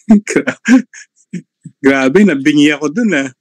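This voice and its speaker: A man's voice: a little high, lively intonation, drawn-out words, darkish tone, no room sound. A man commenting on a religious debate on an online live panel, mocking and laughing often between remarks.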